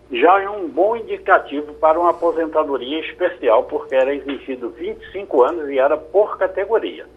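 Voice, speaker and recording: Husky guy explaining, phone-line sound. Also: fairly high pitch. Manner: measured, explanatory, with hesitations. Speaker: lawyer answering listener questions. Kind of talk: radio call-in advice.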